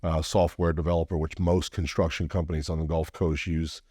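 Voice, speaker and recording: Low-voiced Louisiana man, podcast guest, earnest heartfelt storytelling, dead-dry close recording. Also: level tone, a little fast, warm tone, slightly rough, no echo. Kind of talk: personal storytelling interview.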